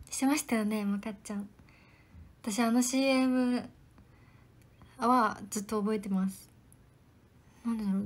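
A young woman who is an idol trainee talks politely with her livestream audience, replying to their comments and often breaking into soft whispers, her voice on the high side.

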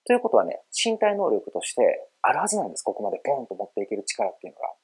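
A man's voice: mid-range voice, wildly swooping pitch, racing, darkish tone, slightly rough, low-quality recording. A middle-aged man teaching English pronunciation in a casual video lesson, explaining in a friendly way and demonstrating words with exaggerated emphasis. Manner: friendly, explanatory, calls himself an old guy.

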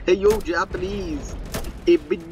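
A young man streams live commentary on a game he's playing, swearing often and muttering in exasperation at his teammates. His voice is high-pitched and a little slow. The mic sits back from him, picking up faint background noise.

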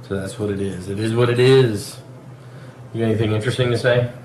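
A man's voice: lowish voice, steady tone, quick pace, a little mellow. A man vlogging at the dinner table at home, chatting playfully with his child in a teasing way, with hesitant fillers. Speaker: vlogger and father. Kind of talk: casual home vlog chat. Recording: roomy echo with light background noise.

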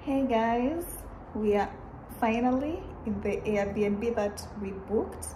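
Excited woman vlogger with a casual, chatty delivery and a noisy recording. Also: on the high side, takes it slowly. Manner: chatty, excited, addresses viewers as guys. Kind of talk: casual travel vlog chat. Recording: noisy background hiss.

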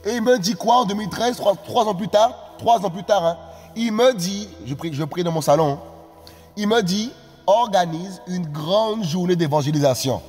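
A man with a high voice preaches a live-streamed sermon, exclaiming and repeating phrases as he builds toward shouted appeals. His voice rings with a long reverb, and soft music plays underneath. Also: normal speed, slightly rough. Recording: reverberant room with faint music.

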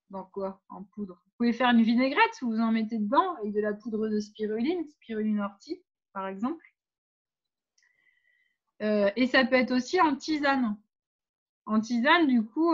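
A woman leading an informal workshop on pregnancy and birth, giving practical advice straight to her listeners with frequent hesitations. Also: on the high side. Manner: practical, instructive, addresses listeners directly with many hesitations. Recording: dull lo-fi sound.

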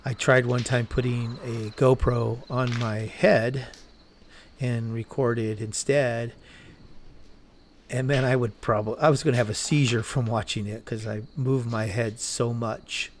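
A man casually narrating as he walks through an abandoned desert building at night, with a camera strapped to his chest, rambling slowly and correcting himself as he goes. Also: medium pitch, level tone, a little hiss or hum. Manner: slow, rambling, self-correcting. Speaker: urban explorer vlogger. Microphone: chest-mounted camera.

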